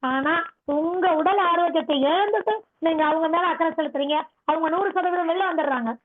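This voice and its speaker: A woman's voice: extremely high pitch, a little fast. A woman yoga teacher giving a motivational talk, pressing her listeners with rhetorical questions. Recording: tinny phone-like sound.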